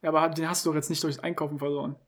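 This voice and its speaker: Rambling, self-mocking podcast host. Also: male voice, on the high side, little pitch movement, racing. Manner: rambling, self-mocking, acts out inner thoughts. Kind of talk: casual chat.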